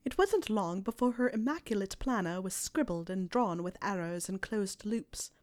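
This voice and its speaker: Woman softly narrating a romance story. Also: mid-range voice, animated, normal speed. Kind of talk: reading fan fiction aloud.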